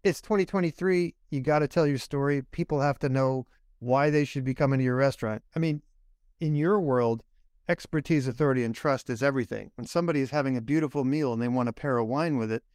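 A man's voice: medium pitch, fast, a little mellow, no room sound, clean studio sound. A man hosting a business podcast, asking long upbeat questions. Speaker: podcast host. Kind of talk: interview hosting.

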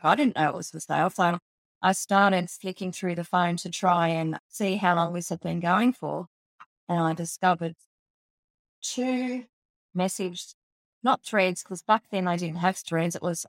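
A woman's voice: on the low side, dry recording. An Australian woman telling a personal story in an interview, candid and emotional, swearing freely. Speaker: guest.

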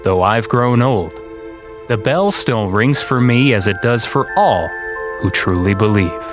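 A man reading a children's picture book aloud in a deliberate, dramatic storytelling style. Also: lowish voice, animated, music in the background. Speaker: storyteller and podcast host.

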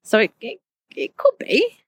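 A woman's voice: measured pace, no room sound, poor audio. A woman chatting casually on an outdoor walk, teasing and blunt in an easygoing way. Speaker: co-host.

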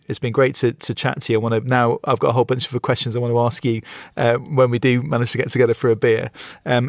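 A man's voice: medium pitch, gravelly, dry recording, clean studio sound. A British man hosting a podcast interview, chatty and laughing easily, often restarting his sentences. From Britain. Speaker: podcast host. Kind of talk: casual interview chat.

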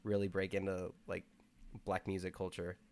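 Low-voiced man in animated film chat. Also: moderate pace. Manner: animated, heavy use of filler "like", emphatic. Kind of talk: casual chat about a film.

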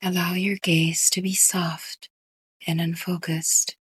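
A woman guiding a sleep meditation in a soft, breathy whisper. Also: lowish voice, little pitch movement, no echo. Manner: slow, soft whispered delivery. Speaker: meditation guide.

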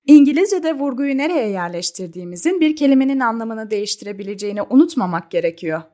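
A woman presenting a scripted language lesson, speaking clearly and deliberately, repeating example words as a teacher. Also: high-pitched, warm tone. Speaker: English teacher.

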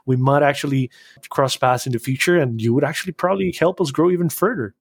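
A man's voice: a little high, slightly rough, no room sound. Man, dry close voice. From Costa Rica. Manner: animated, quick bursts with restarts. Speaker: podcast guest, business owner. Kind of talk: casual interview talk.

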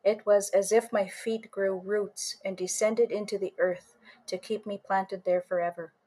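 Woman storyteller, first-person tale, measured and unhurried, lingers on images. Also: medium pitch, fairly even intonation, mellow, slightly rough. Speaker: author and storyteller.

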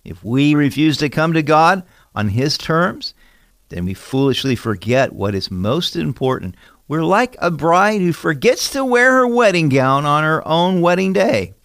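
A man's voice: a little high, big pitch swings, unhurried, a bit bright, no room sound, clean studio sound. A man teaching through a Bible passage, reading verses aloud and explaining them in an earnest, emphatic way with rhetorical questions. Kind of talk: expository sermon reading and explaining scripture.

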